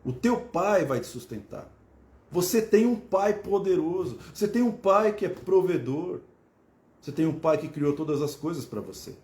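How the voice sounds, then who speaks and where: A man's voice: on the high side, animated, moderate pace, darkish tone, roomy sound. A man preaching a sermon, asking his listeners questions and repeating phrases for emphasis.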